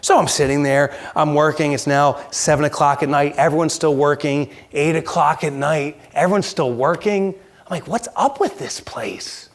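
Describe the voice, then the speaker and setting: A man giving a keynote talk, telling a story in an animated, self-mocking way and acting it out. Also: fairly high pitch, moderate pace, hardly any pauses. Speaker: keynote speaker. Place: large conference hall.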